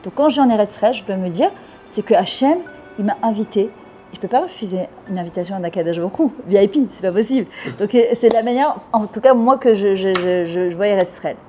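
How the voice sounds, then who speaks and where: A woman's voice: mid-range voice, fast, dark tone, soft background music. A woman of about fifty from France, talking fervently and at length in an interview, dropping in Hebrew words. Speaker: interviewee, French immigrant. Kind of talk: casual interview talk.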